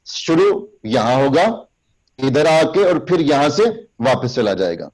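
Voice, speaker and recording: A man's voice: mid-range voice, very animated, darkish tone, poor audio. A man lecturing a class on public speaking, explaining step by step how to use hand gestures and speaking straight to his students. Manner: recites sample lines in a raised, slow, emphatic voice.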